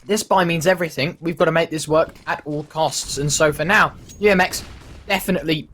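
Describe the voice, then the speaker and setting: A man's voice: a little high, steady tone, a little fast, fairly bright tone. A man doing esports caster play-by-play commentary with dramatic, emphatic phrasing. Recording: background noise, game gunfire and clicks.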